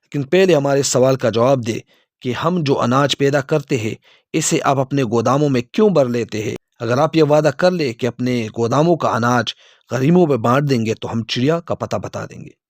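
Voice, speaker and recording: The fields speak politely and humbly to a king, addressing him with respect, as a male narrator voices them. The voice is mid-pitched and the sound is dry and close. It is a spoken storybook tale. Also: no room sound, lightly acted. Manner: polite, deferential.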